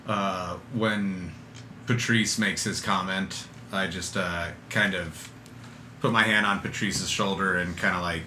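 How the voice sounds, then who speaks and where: Deep-voiced halting male player, echoey room. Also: steady tone, pushed and bright, a little hiss or hum. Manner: hesitant, halting. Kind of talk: describing his character's actions.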